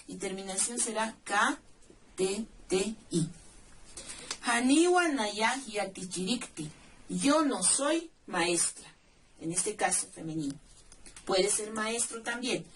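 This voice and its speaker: A woman teaching a language lesson at a slow, careful pace, her voice sitting fairly high. She spells out word endings letter by letter and keeps checking that the listener follows. The mic is some distance away, with faint noise behind her. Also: a bit bright. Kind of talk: slow, deliberate classroom explanation.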